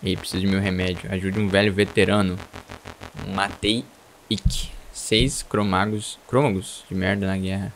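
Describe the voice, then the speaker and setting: A man with a Brazilian accent reading the lines of a hostile old male war veteran from a video game, low and slow. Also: little pitch movement, a little hiss or hum. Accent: Brazilian Portuguese. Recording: game music in the background.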